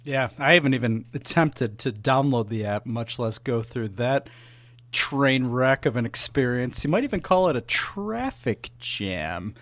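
A man's voice: medium pitch, big pitch swings, unhurried, fairly bright tone, no room sound. A man hosting a podcast, introducing a segment and cracking dry jokes in casual banter. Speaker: podcast host.

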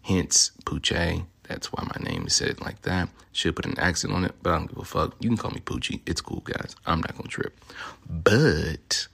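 A man with a Southern US accent and a deep, smooth voice, hosting a casual solo podcast in a playful, boastful, sweary way. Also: brisk, hardly any pauses, bright, forceful tone. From Memphis, Tennessee, United States. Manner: playful, boastful, profanity-laden delivery. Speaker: podcast host.

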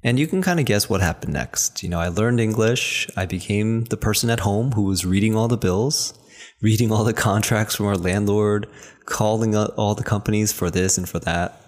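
This podcast host and acupuncturist, a man in his thirties who is from New Jersey and grew up in New York, speaks earnestly and encouragingly straight to his listeners in a motivational talk. His voice is lowish and his speed normal.

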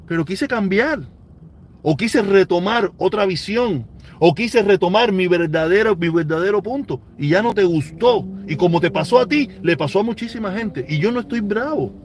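A man's voice: high-pitched, expressive, moderate pace. A man in his forties with a Cuban accent, talking casually on a live stream and answering viewer comments, emphatic and prone to repeating himself. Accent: Cuban Spanish. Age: 40s. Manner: emphatic, repeats phrases for weight.

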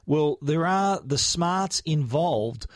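Chatty Australian tech podcast host. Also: male voice, on the high side, expressive, slow pace, dry recording, studio quality. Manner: conversational, with frequent restarts and fillers. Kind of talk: podcast tech news segment.

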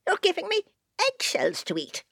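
A woman voicing a sly, ancient male fairy changeling in a storybook tale, speaking slowly and low with a puzzled, questioning manner. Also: wildly swooping pitch, gravelly, fairly bright tone, dry recording, studio quality, exaggerated voice. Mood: indignant.

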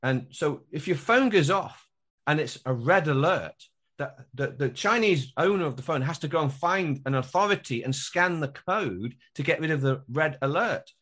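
Male podcast guest, a bit high in register, emphatic conversational delivery with repetition for emphasis. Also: animated, normal speed, fairly bright tone. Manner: emphatic, acts out imagined dialogue, repeats phrases for emphasis. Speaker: podcast guest, workshop trainer. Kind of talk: animated conversational interview talk.

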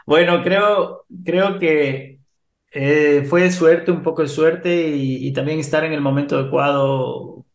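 A man in his thirties from Ecuador with an Ecuadorian accent, a podcast guest telling a story in a lively way and acting out the voices of the people in it. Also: a little high, slow pace. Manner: animated, acts out quoted voices. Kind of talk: casual storytelling. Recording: roomy echo.

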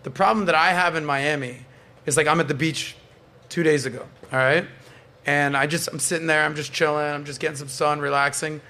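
A Canadian-accented man hosts a casual podcast panel, his voice a little high and brisk. He tells animated stories, swears freely, and teases playfully.

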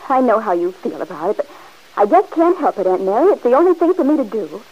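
This young actress, heard through a dull old radio recording, voices a headstrong bride-to-be in a 1940s radio drama. She's insistent and defensive, speaking fast in a slightly high, very animated voice.

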